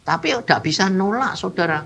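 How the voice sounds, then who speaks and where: A man preaching a sermon and telling a personal story, moving between hushed and loud passages and acting out the people in it. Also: high-pitched, lively intonation, brisk, vocal fry, slightly rough. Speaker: evangelist preacher.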